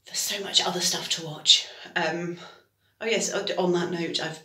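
A woman's voice: fairly low pitch, fairly even intonation, normal speed, pushed and bright. Chatty British woman in an echoey room. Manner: chatty, rambling, self-correcting. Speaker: vlogger. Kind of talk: casual diary vlog.

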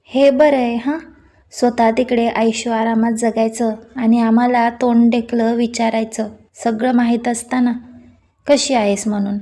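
A woman voicing a sharp-tongued, scolding middle-aged aunt on the phone in a storybook reading. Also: a little high, little pitch movement, unhurried. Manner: taunting, nagging.

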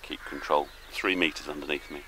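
Deep-voiced older man vlogging outdoors. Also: fairly quick, a little hiss or hum, rough recording. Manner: relaxed, chatty, thinking aloud to camera. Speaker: solo small-boat voyager. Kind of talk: casual travel vlog commentary. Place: outdoors on a small boat on a misty river. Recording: outdoor birdsong and river ambience.

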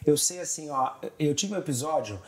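A man in his forties, a guest TV director, telling stories in a casual, animated conversation. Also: a little high. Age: 40s. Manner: animated storyteller, rapid run-on phrasing.

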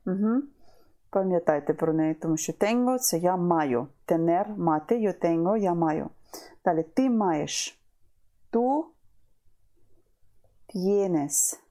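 Female language tutor, unhurried and warm, patient drill of verb forms. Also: lowish voice, expressive. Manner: slow and patient, repeats each verb form. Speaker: language teacher. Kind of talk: online Spanish lesson.

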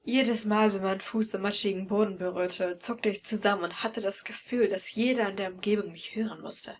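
A woman's voice: medium pitch, fairly even intonation, normal speed, a little hiss or hum. A woman reading a fan-fiction audiobook in first person, with emotional, tense storytelling. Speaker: audiobook reader.

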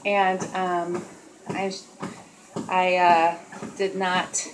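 A woman's voice: on the low side, extremely slow. A woman in her thirties rambling casually to camera at home while she walks on a treadmill. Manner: chatty, talking while walking on a treadmill. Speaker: vlogger. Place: small dim room at home, indoors. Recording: steady treadmill noise and clicks. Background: loud treadmill motor and footfalls.

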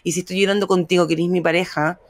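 A woman's voice: on the low side, little pitch movement, fast, no room sound. A Chilean woman co-hosting a podcast in casual chat, outspoken and swearing freely, acting out what others say. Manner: outspoken, swears freely, acts out quoted lines. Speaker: podcast co-host.

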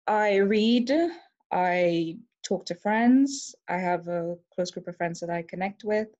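On a lo-fi recording, a woman in her forties from Trinidad and Tobago speaks to a laptop camera from her home sofa. Her voice sits on the low side and sounds a little mellow as she tells her own story with a Trinidadian accent, earnest and reflective.

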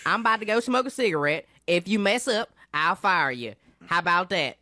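Bright, throaty, bossy manager. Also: male voice, sits high, lively intonation, a little fast, no echo, studio quality, full character voice. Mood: threatening. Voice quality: throaty, thick, odd voice. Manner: domineering, taunting. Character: cocky, bossy male burger store manager. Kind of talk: animated comedy sketch dialogue.

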